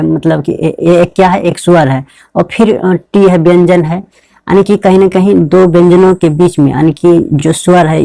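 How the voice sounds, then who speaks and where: A man teaching a pronunciation lesson over a screen recording, asking questions and answering them himself, repeating words slowly. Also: a little high, creaky, mellow, no echo. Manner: repetitive, asks and answers his own questions.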